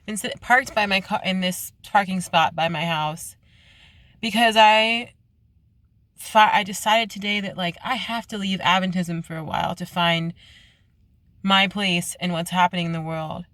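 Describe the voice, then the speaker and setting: Young woman, earnest confessional vlog, halting restarts, dry close sound in a parked car. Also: fairly low pitch, steady tone, fairly bright tone, dry recording. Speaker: vlogger. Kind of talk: late-night confessional vlog.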